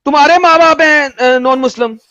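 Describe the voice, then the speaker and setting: A man hosting a heated live debate, loud and insistent, repeating phrases and slowing down for quotes. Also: very high-pitched, muffled recording, a little hiss or hum. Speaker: debate host.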